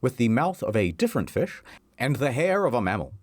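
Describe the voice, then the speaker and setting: A man narrating a comedic history video, wry and storytelling, with sudden swings in pitch. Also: very animated, a little fast.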